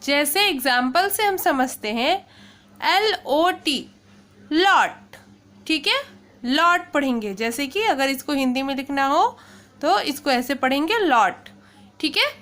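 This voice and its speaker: A woman's voice: sits high, animated, fairly bright tone. A woman teaching pronunciation to children, spelling words out letter by letter and often checking in with "okay". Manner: addresses listeners as children; slow, careful explaining. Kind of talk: classroom-style lesson.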